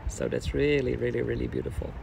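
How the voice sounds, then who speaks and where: A middle-aged man giving a chatty live guided kayak tour outdoors, repeating words and pausing with fillers. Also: mid-range voice, level tone, vocal fry, darkish tone, a little hiss or hum.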